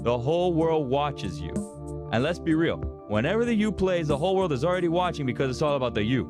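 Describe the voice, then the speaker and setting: Guy doing a hyped miami cuban bro, kinda high voice, booming pep talk w dramatic buildups, music behind. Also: very animated, quick pace. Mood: fired-up, defiant. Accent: Miami Cuban-American. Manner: emphatic, dramatic build-ups, slangy Spanglish. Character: brash, hyped-up young Miami superfan bro. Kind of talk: booming motivational hype speech. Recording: background music under the voice.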